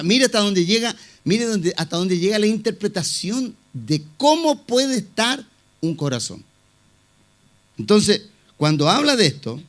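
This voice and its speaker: High-voiced male pastor preaching. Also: fairly bright tone. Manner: conversational preaching with many fillers and repeated phrases; asks the congregation rhetorical questions. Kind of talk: sermon.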